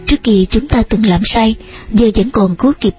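A woman's voice: on the high side, normal speed, a little mellow, soft background music, lightly acted. A woman voicing a desperate young lover. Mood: pleading. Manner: urgent, insistent pleading. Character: passionate young man pleading with his lost love.

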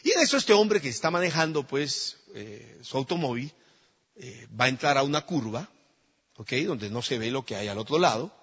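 A man preaching a sermon in a church, telling stories with lively, animated delivery that swells into shouts. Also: medium pitch, normal speed, slightly rough. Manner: animated storytelling, rising to shouts at the climax. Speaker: pastor. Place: church hall. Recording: dull, echoey church hall recording.

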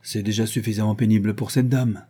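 A man's voice: lowish voice, steady tone, a little fast, warm tone, breathy edge. A man reading an audiobook, voicing a middle-aged town mayor who speaks in an unctuous, eager way.

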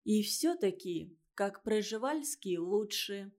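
A woman reading a story and voicing a stubborn, dreamy schoolboy in a thoughtful, quiet way. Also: medium pitch, a little slow, natural voice.

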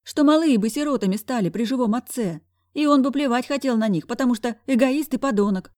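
A woman's voice: fairly high pitch, a little mellow, pitched above the performer's own voice, natural voice. A woman playing a brash, mocking woman friend. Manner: mocking, bossy, quick-tongued.

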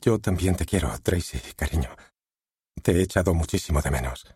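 Steven is a defensive, evasive husband who brushes questions off curtly, heard in an audiobook. A man reads him in a deep, dark, husky voice. The recording is dry. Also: lively intonation, fairly quick, no echo, full character voice.

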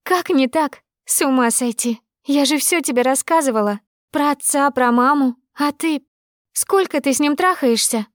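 A woman narrator gives voice to a furious young woman, shrill and close to tears. She shouts and accuses in a high, raised voice. The recording is dry and close. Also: moderate pace, no room sound, natural voice.

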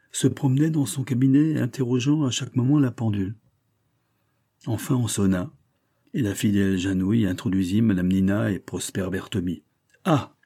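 Male audiobook narrator, dark husky voice, measured storytelling. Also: on the low side. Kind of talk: scripted narration of a novel.

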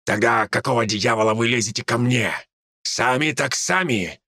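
Brief: mocking raven-druid, gravelly and crisp, drawling taunts, a male narrator's put-on voice, audiobook. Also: medium pitch, pushed and bright, no room sound, clean studio sound. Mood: scornful. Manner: slow, scornful, taunting.

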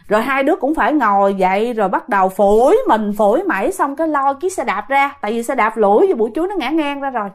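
A young woman casually retelling a listener's ghost story, chatty, slipping into the voices of the people in it. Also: a little high.

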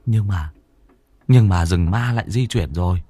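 A man's voice: low-pitched, moderate pace, mellow, slightly rough, no echo. A man doing a timid stammering apprentice boy. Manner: fearful, stammering.

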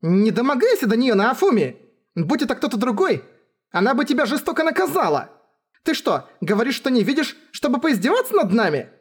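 Shrill bossy young princess, a man putting her on, pitched way up, audiobook. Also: big pitch swings, a little fast, slightly rough, exaggerated voice. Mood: scolding. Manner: scolding. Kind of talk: audiobook character voice.

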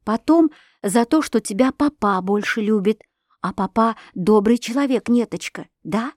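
A woman voicing an impulsive, proud young princess who talks emotionally and bursts into excited outbursts. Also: fairly high pitch, measured pace, no echo, clean studio sound. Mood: affectionate. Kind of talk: audiobook reading.

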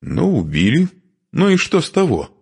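A man voicing a mocking, quarrelsome young Norse warrior woman in an audiobook, with a husky, sharp-tongued voice. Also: low-pitched, sing-song, moderate pace, pitched above the performer's own voice. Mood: scornful.

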